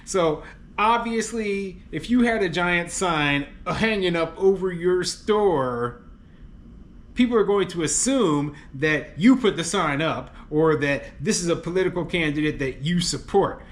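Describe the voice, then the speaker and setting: A man who owns rental homes talks through a news story in a loose, chatty way. He leans on fillers like "you know" and "okay" and laughs often. His voice sits a little high, and he turns openly exasperated as he gives his opinions. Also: expressive, a little slow. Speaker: landlord and real estate commentator. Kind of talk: casual commentary reading a news article.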